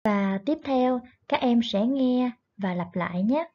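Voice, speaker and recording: A woman teacher leads a children's online English lesson, patiently repeating each word twice and coaxing her pupils along. Her voice sits fairly high and unhurried, on a dull lo-fi recording. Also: expressive. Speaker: primary school English teacher. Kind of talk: online lesson, explaining and drilling words.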